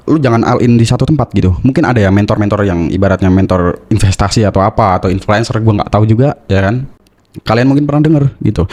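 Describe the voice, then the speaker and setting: Fast, blunt Indonesian finance YouTuber man. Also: lowish voice, mellow. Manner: blunt, scolding, slangy, tags lines with "gitu". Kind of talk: blunt casual monologue.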